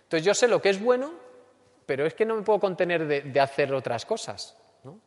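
A man with a Spain Spanish accent giving a lecture and acting out everyday complaints in a lively way. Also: on the high side, a little fast. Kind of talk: lecture on character education. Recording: long hall reverb.

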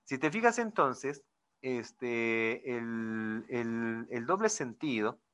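A man's voice: medium pitch, expressive, very slow, fairly bright tone. A middle-aged man with a Mexican accent, teaching a class in a loose, digressive way, full of fillers and direct check-ins with his students. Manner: chatty and digressive, with frequent "este" fillers and asides; addresses listeners directly, checks with "¿no?" and "¿sí?". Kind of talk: informal lecture to students.

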